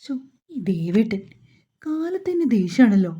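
Narrator as a gentle teasing young wife, mellow and husky, in a dull recording. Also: female voice, on the high side, big pitch swings, normal speed.

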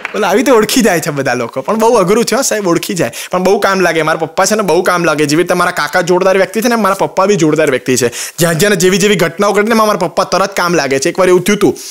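A young man with a Gujarati accent tells a comic stage story in a high, light voice. He speaks at a breakneck pace and moves from one anecdote to the next, acting out the quoted lines as he goes. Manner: rapid, animated anecdotes with quoted dialogue. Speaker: stand-up comedian.

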